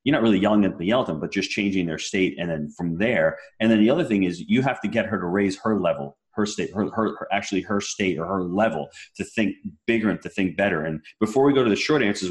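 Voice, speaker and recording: Male host, very deep voice, quick earnest delivery. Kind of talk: casual podcast conversation.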